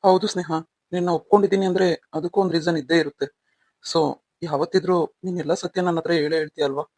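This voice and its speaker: A man playing a guarded young husband who asks calm, probing questions. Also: a little high, fast talker, dry recording, natural voice.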